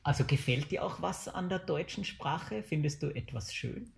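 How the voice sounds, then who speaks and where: A woman's voice: sits low, animated, moderate pace, creaky, slight background noise. A woman interviewer asking patient, encouraging follow-up questions.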